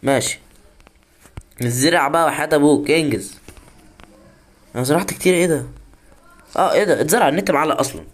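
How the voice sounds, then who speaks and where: A man's voice: on the high side, fast, pauses often. Chatty Egyptian man narrating his gameplay. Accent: Egyptian Arabic. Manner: chatty, talks to himself and viewers while playing. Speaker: gaming YouTuber. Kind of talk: casual gameplay commentary.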